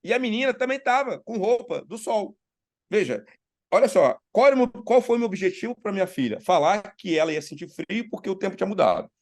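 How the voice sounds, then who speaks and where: A middle-aged man tells anecdotes as an interview guest, lively, and acts out the lines of the people in them. His voice sits a bit high and has a gravelly edge. He sounds congested from sinusitis. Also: fairly quick. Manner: animated storyteller, acts out quoted dialogue. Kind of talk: storytelling in a casual interview.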